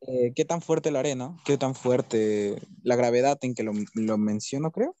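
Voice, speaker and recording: Peruvian student, short unsure answers, darkish mellow voice. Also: male voice, mid-range voice, moderate pace, no room sound, dull audio. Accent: Peruvian Spanish. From Peru.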